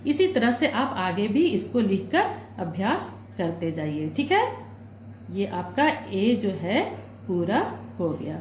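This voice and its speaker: A woman's voice: mid-range voice, big pitch swings, slow, roomy sound, a little hiss or hum. A woman teaching young children from a workbook, patient, asking questions and answering them herself. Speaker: primary school teacher.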